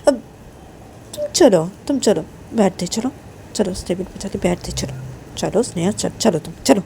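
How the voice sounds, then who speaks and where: A woman's voice: medium pitch, animated, moderate pace, creaky, dark tone, slight background noise. A woman voicing a flustered young woman who defensively brushes off her girlfriend's anger with whiny questions.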